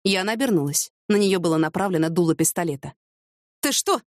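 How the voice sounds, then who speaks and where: A woman narrating an audiobook in a steady, expressive reading. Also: fairly low pitch, quick pace, no room sound, clean studio sound. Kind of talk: scripted narration.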